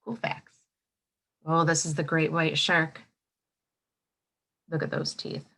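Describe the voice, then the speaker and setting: An elementary school teacher reads aloud expressively to young children, stopping for asides and prompting them with questions. Her voice is deep and creaky.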